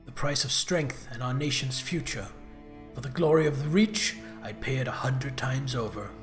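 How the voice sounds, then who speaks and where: A man's voice: mid-range voice, normal speed, soft background music, pitched below the performer's own voice, natural voice. A man voicing an arrogant, vengeful captured noblewoman from a video game, with a menacing, haughty cartoon-villain delivery. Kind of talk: reading video game dialogue aloud.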